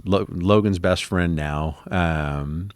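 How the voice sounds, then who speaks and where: Interviewee, man, very low voice, chatty rambling storyteller, dry recording. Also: takes it slowly, dry recording. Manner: rambling storyteller with many ums, acting out quoted exchanges.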